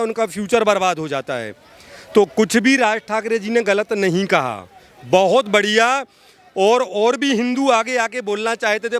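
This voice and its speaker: In a street interview, a social activist makes his political case with fervor, oratorical and emphatic, leaning on repeated phrases. His voice sits high and is a bit bright and smooth.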